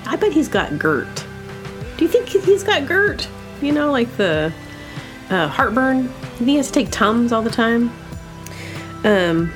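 A woman chats on her comedy podcast, rambling from one thought to the next with plenty of fillers. Her voice sits at an everyday middle pitch and lights up as she slips into impressions. Faint music plays softly behind her. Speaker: podcast host. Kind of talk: casual comedic chat.

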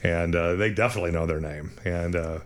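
A man's voice: low voice, brisk. A man hosting a talk show, chatting casually and agreeably, laughing often. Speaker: show host. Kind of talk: casual chat.

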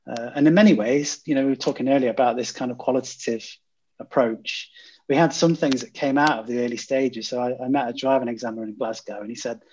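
A man's voice: medium pitch, steady tone, fast talker, darkish tone, breathy edge. A man guest, a design consultant, telling a project story in a conversational way, with many "uh" fillers and restarts. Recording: dull lo-fi audio.

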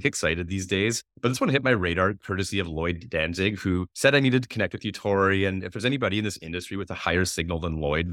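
A man from Winnipeg, Canada, hosting an interview podcast with a hoarse smoker's rasp and a runny nose. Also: sits low, a bit bright, no echo, studio quality. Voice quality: raspy, like a heavy smoker, from a strained throat. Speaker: podcast host.

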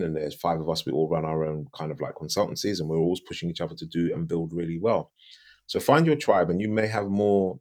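A middle-aged British coach appears as a podcast guest, giving emphatic advice in a big, deep voice. He repeats his key phrases and poses rhetorical questions.

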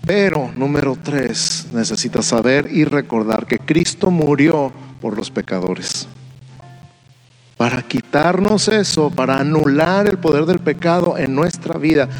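A man preaching as a pastor, speaking in earnest, repetitive and slowly emphasized phrases during a church service sermon. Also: on the high side, lively intonation, soft background music. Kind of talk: sermon with altar call prayer. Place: church service, streamed online.

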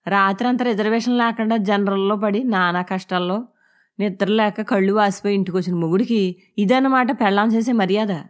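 A woman reading an audio novel voices a crude, mocking, domineering husband who scolds in a loud, raised voice. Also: mid-range voice, brisk, natural voice. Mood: scornful, bullying.

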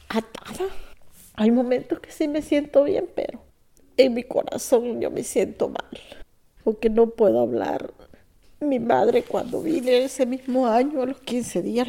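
Salvadoran lady, 50s, halting soft testimony, mellow dark tone, fry in the voice. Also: on the high side. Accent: Salvadoran Spanish. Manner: halting and soft, drops to whispers. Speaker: immigrant English learner. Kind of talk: personal testimony.

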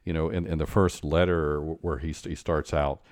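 A deep, low-pitched man hosts a conversation, speaking in a halting, stop-start way full of restarts and fillers. The sound is dry and close, with no room echo. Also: flat delivery, darkish tone. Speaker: podcast host. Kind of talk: conversational interview.

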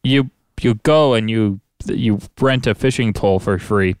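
A man in casual podcast chat, telling a story in a relaxed, rambling way, close to the mic. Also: lowish voice, unhurried, clean tone, no echo. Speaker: podcast co-host.

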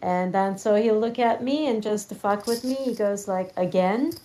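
A woman co-hosting a tango talk show over a video call, chatty and quick to laugh. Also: mid-range voice, mellow. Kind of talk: casual chat on a video call.

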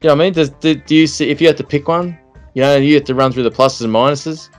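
A man's voice: on the high side, fairly even intonation, quick pace, faint music behind. A man chatting casually as a fishing podcast host, in a laid-back, slangy way. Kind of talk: casual chat.

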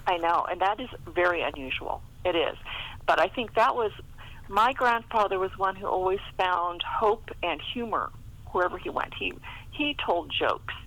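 Interviewed as a guest, a middle-aged woman who writes romance novels talks casually and chuckles frequently. She sounds fairly low-pitched, animated, and fairly bright at a moderate pace, captured on a rough recording.

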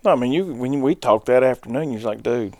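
Man, creaky gravelly voice, folksy wording, casual podcast chat, close dry sound. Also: mid-range voice, lively intonation, quick pace, mellow, dry recording. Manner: folksy, colloquial. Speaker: podcast co-host.

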